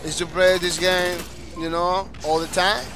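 Over music, in a rough recording, a man with a high voice speaks unhurriedly and with little pitch movement. He's a Dominican game streamer with a Spanish accent who reads viewer comments during a live stream, chatting energetically and often restarting his phrases.

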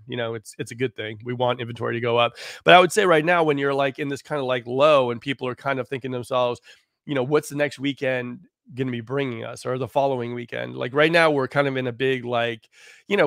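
A hoarse man, a real estate agent, talking casually on a live stream in a rambling way full of fillers. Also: medium pitch, fairly bright tone, no room sound, clean studio sound. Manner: rambling, full of "you know" and "like".

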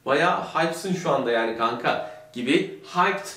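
A man's voice: animated, moderate pace, bright, forceful tone, recorded from a distance. Slangy, joking Turkish man teaching English. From Turkey. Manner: playful, slangy, theatrical, big pitch swings. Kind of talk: casual joking language lesson. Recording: echoey room, voice set back from the mic.

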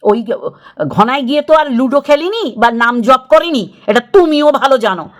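A woman's voice: high-pitched, lively intonation, brisk. A middle-aged woman, scolding another creator in an angry video rant, repeating her points. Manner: scolding, confrontational, repeats phrases. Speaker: YouTube creator.

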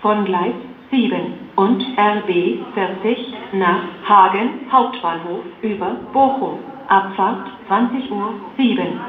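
A woman gives a flat platform announcement at a slow, measured rate, segment by segment. Her automated station voice comes muffled through loudspeakers, with strong echo and loud station noise around it. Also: mid-range voice. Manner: flat, formulaic delivery in short segments. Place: railway station, over loudspeakers. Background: noisy station ambience.

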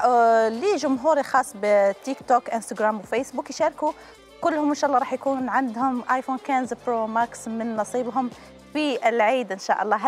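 A woman in her thirties with an Algerian Arabic accent, hosting a live call-in TV game show in a chatty, affectionate way from a studio on a lapel mic. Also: fairly high pitch. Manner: chatty, affectionate toward callers.

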